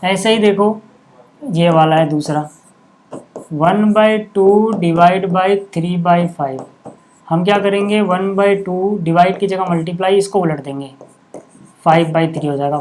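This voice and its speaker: A man's voice: high-pitched, darkish tone, a little hiss or hum. A man teaching a maths lesson in a casual classroom manner, often checking whether his students are following. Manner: casual, repeatedly checks understanding with short asides. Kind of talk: classroom lesson explaining on a board.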